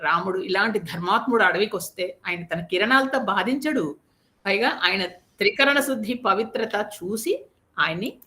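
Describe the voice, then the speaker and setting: A woman storyteller voicing a steady queen who earnestly consoles her grieving co-wife. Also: medium pitch, natural voice. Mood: persuasive. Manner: earnest, persuasive, reassuring.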